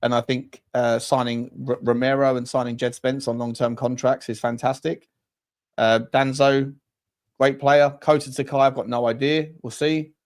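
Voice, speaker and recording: Mid-pitched man, hesitant delivery. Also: little pitch movement, normal speed. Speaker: football fan panellist. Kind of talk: casual chat.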